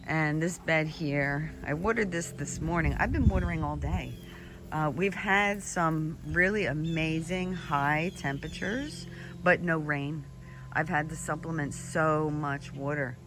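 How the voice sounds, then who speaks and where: A gardener giving an enthusiastic, slightly out-of-breath walking tour of an outdoor garden, recorded on a handheld camera. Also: medium pitch. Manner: enthusiastic, exclaiming over plants. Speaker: gardener showing her garden. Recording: outdoor ambience noise. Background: outdoor ambience.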